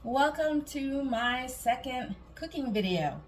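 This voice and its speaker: A woman's voice: high-pitched, animated, slow. A woman from Guam, hosting a casual home cooking demonstration and chatting through each step with small asides. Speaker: home cooking video host. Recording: clear background noise, room ambience.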